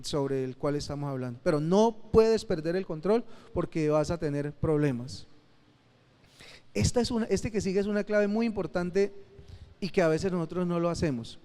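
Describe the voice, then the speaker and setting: High-voiced male pastor in an echoey hall. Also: darkish tone, clean tone. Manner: emphatic, repeats key phrases, addresses listeners directly. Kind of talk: teaching sermon at a church conference.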